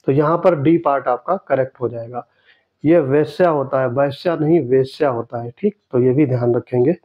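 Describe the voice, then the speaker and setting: Man, exam tutor, steady explaining voice, repeats key words, slightly dull lo-fi sound. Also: mid-range voice. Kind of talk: explaining test answers.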